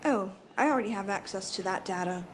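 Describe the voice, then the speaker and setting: A woman's voice: mid-range voice, fast, a little hiss or hum, close to an everyday voice. A woman playing a self-assured, forward starship doctor, matter-of-fact and knowing, in an amateur radio play.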